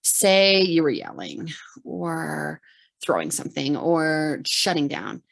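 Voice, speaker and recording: A woman co-hosting a relationship podcast in casual conversation, talking in an animated, emphatic way with quick asides. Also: deep voice, creaky. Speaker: podcast co-host, therapist.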